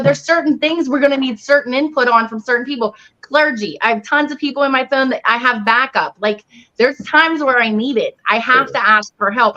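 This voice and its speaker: In a casual panel talk, a woman who works as a paranormal investigator and healer speaks earnestly and with emphasis. Her voice is fairly high, bright and forceful, captured as dull, lo-fi online audio.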